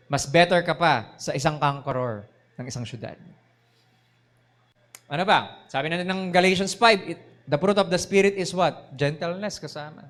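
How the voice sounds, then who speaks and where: A middle-aged man preaching a sermon, animated, swinging between loud and soft, laughing now and then. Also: on the high side. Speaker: pastor.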